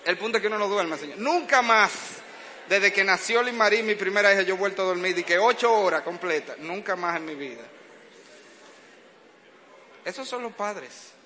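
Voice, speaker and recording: A man preaching, his voice sitting high and sounding sharp and bright. He tells lively stories of fatherhood, acting out sounds as he goes. The sound carries a long hall reverb over a faint background hiss. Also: moderate pace. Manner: animated storytelling, acting out sounds and cries. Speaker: preacher, father of young children. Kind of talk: sermon with humorous family anecdotes.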